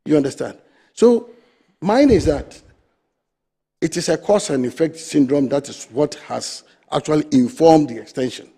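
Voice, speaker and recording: A husky, slightly high-pitched middle-aged Ghanaian man, president of a fisheries association, presses his case with force and emphasis as a guest in a TV studio discussion. He speaks animatedly at a moderate pace.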